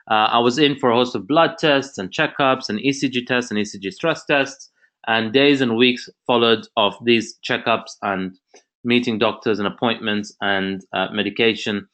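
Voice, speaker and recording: A man's voice: lowish voice, sharp tone. A man from Zambia giving an earnest motivational presentation on a video call, talking in long, flowing sentences. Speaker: presenter of an online info session.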